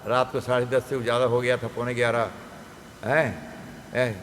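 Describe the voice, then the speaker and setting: A man in his seventies, a monk giving a scripture class, tells a devotional story in a lively way and acts out the characters' voices. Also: medium pitch, normal speed. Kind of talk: storytelling sermon. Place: temple hall. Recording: reverberant hall with faint background noise.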